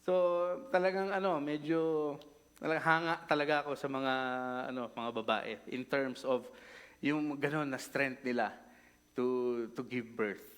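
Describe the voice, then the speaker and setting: A man's voice: mid-range voice, a little slow, a bit bright, clear, resonant tone. A man preaching a sermon, talking casually between Tagalog and English and often asking his listeners questions. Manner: casual, conversational, mixing Tagalog and English, frequent tag questions.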